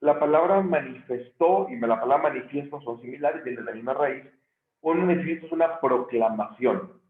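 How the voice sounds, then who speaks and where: A man's voice: medium pitch, moderate pace. A man teaching a recorded theology lesson, thinking aloud and correcting himself often. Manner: thinking aloud with frequent restarts and self-corrections. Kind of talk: recorded video lecture. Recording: echoey room, tinny phone-like sound.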